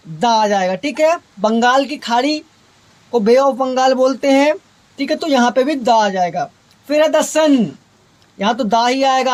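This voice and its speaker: High-voiced woman teaching grammar. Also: a little mellow. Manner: asks questions and answers them herself, repeats "okay" often. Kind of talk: explanatory online lesson.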